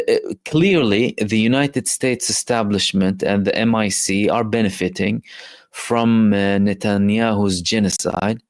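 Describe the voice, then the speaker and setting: Emphatic low-voiced male live host. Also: vocal fry, no room sound, clean studio sound. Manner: emphatic and impassioned, with frequent fillers. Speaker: livestream host reading viewer messages. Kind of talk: live commentary and viewer chat.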